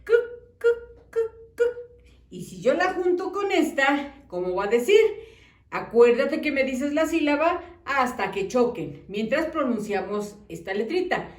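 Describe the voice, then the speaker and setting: Sing-song teacher woman, slow and lively. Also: high voice. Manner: slow, sing-song, encouraging, sounding out letters. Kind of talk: children's phonics lesson. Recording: echoey room.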